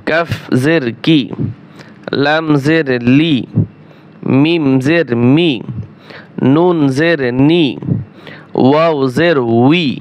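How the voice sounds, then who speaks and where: A man with a Bangladeshi Bengali accent, teaching Quran reading by drilling letter sounds slowly and repeating syllables. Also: a little high. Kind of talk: slow drilling lesson.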